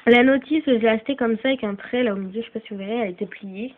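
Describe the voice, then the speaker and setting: This high-voiced woman has a cold and coughs while talking rapid-fire in a casual sales video of her used items for her channel. She rambles and apologizes, scattering "euh" and "voilà" throughout. The audio is tinny and lo-fi with faint background noise.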